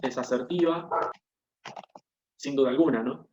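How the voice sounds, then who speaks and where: A man with a mid-range voice teaches an online class at a somewhat slow pace, with noise in the background. He explains step by step and checks in often with his students, and the video-call audio is echoey, dull and lo-fi.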